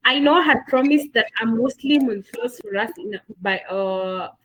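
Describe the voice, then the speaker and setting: A woman with a Kenyan accent closes out an online masterclass as session moderator, sounding enthusiastic and using lots of fillers and repeated words. Her voice is a little high at normal speed. The sound is lo-fi, with a noisy background.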